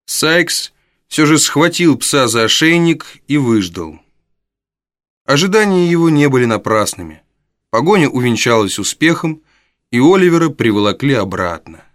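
A man narrating a story in a measured, dramatic storytelling manner. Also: mid-range voice, sing-song, fairly bright tone, dry recording, studio quality. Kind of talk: audiobook narration.

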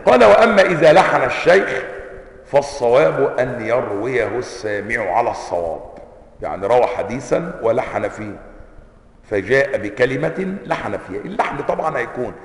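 A man with an Egyptian accent teaching a religious lesson in an animated way, often asking his students rhetorical questions. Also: mid-range voice, fairly quick. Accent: Egyptian Arabic. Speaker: sheikh teaching hadith sciences. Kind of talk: classroom lecture. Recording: echoey hall reverb.

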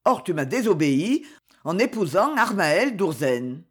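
A man's voice: sits high, big pitch swings, fairly bright tone, slightly rough, heavily acted. A woman reader voicing a cruel, sarcastic aristocratic count who speaks coldly and with menace. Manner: cold, sneering, measured.

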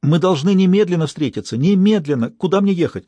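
A man voicing a terrified young bank clerk who talks in shrill, breathless pleas. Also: lively intonation, normal speed, a little mellow, husky, no room sound, dull audio. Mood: panicked. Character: panicking frightened young male bank clerk.

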